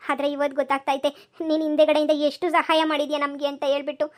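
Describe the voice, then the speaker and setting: A woman's voice: sits high, level tone, rapid-fire, natural voice. A woman voicing a remorseful elderly mother-in-law in a cartoon, pleading and blaming herself. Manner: pleading, self-reproaching. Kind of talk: cartoon voice acting.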